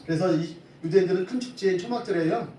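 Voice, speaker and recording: A man preaching a lively Sunday sermon from the pulpit. His voice sits high and rings through a big echoing church. He is picked up from a distance over a faint hiss. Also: fast. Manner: lively preaching, asks the congregation questions. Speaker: pastor. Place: church sanctuary. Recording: echoey hall from far off, faint hiss.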